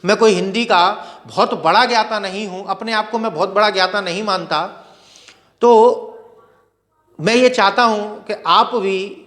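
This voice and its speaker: Male grammar teacher, high voice, poses his own questions and answers them, some room reverb. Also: a bit bright. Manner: repeats words slowly for pronunciation. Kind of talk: classroom lecture.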